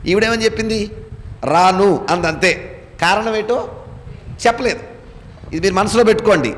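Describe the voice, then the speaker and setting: High-voiced man preaching in a reverberant hall. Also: fairly quick, fairly bright tone. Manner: quizzes listeners with call-and-response questions. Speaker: pastor. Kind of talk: Bible-study sermon to a congregation.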